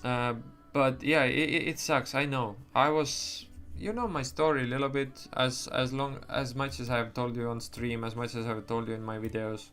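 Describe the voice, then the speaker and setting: This young livestream trader, a native Estonian speaker, talks in a loose, rambling way, swearing and restarting as he goes. His mid-range, slightly bright voice stays level at a moderate pace with hardly any pauses, over faint background music.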